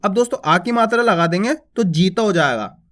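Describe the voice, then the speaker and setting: High, bright-voiced male Hindi teacher. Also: animated, brisk. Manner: says each word twice, drawing out the first, then explains step by step; addresses viewers as friends, asks and answers his own questions. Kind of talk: slow word-by-word reading lesson.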